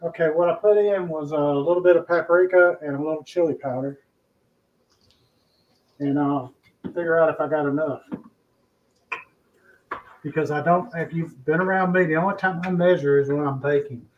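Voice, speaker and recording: A man's voice: fairly high pitch, normal speed, pauses often, highs cut off, slight background noise. A man hosting a casual cooking livestream, talking easily while he cooks. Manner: easygoing, talks while cooking. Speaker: cooking show host.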